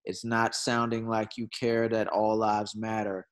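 With a lowish voice and a completely flat delivery, a man talks casually and earnestly in conversation. He repeats words as he gropes for a thought, now and then rushing into fast bursts.

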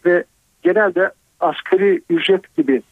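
A man heard over a tinny phone line explains tax rules to a radio host. He speaks in a measured, step-by-step way and works through number examples. The line sounds dry and narrow. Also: high voice, slightly rough, no echo. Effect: over a telephone line. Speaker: financial advisor guest.

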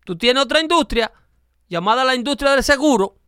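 A man's voice: extremely high pitch, expressive, brisk, pushed and bright, clean tone, no room sound, clean studio sound. A man hosting a talk show, explaining his views emphatically and acting out little dialogues as he goes. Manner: emphatic, lecturing, acts out dialogue. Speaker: show host. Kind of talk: opinionated talk show chat.

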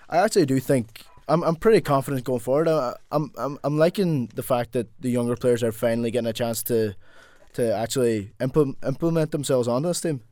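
Halting man with a Donegal Irish accent. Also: medium pitch, warm tone, dry recording. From Donegal, Ireland. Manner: halting, repeats words. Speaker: podcast host. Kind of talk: casual sports discussion.

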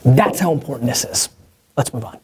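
A man with a mid-range, animated voice talks fairly quickly against slight background noise. He hosts an energetic motivational Q&A show answering viewer questions, speaking bluntly and emphatically with restarts and mild cursing.

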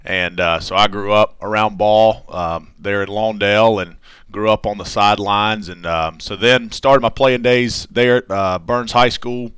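A football coach from North Carolina, answering interview questions politely and without hurry. His voice is very smooth and resonant, somewhat low for a man. It is recorded dry and close. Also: dry recording. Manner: polite, measured, relaxed.

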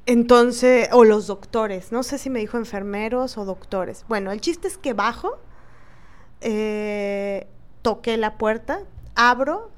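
A woman with a Mexican accent telling a personal story in an earnest, halting, indignant way. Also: a little high. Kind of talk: personal account.

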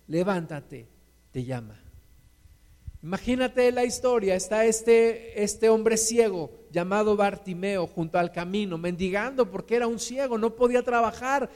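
High-voiced preacher in a hall. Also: male voice, a little mellow. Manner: earnest, encouraging, with dramatic retellings. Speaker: pastor. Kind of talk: sermon. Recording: echoey hall.

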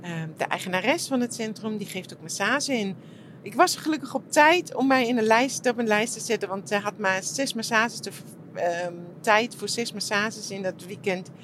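A middle-aged woman talking reflectively about her retreat, soft and searching, with many fillers and restarts. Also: medium pitch, moderate pace, slight background noise. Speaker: shiatsu practitioner and podcast host. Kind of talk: reflective personal monologue.

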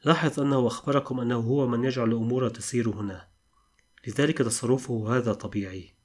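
Old male gorilla, matter-of-fact, brisk, husky edge, satirical storybook, as a man reads him. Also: medium pitch, steady tone, lightly acted. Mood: calm explaining. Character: old male gorilla, calm and worldly guide.

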